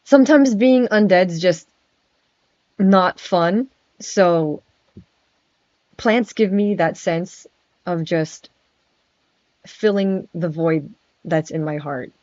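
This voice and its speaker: A woman's voice: fairly low pitch, slow, pauses often, a little mellow, no echo. A woman streaming in character as a friendly male vampire prince, chatting casually, giggling nervously and stammering. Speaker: virtual streamer. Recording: dry, dull lo-fi mic.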